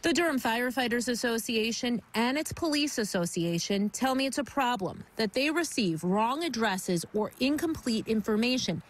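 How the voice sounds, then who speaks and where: A woman in her thirties with a fairly high voice, delivering a news report. Her broadcast delivery is measured and emphatic, over faint background noise. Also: animated.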